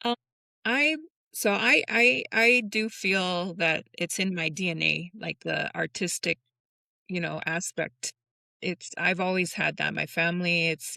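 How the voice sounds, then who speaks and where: A woman's voice: fairly low pitch, gravelly, bright, forceful tone, no echo. A woman in her thirties, a tattoo artist guest, speaking openly and personally in a casual interview. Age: 30s. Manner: open, personal, rambling with restarts.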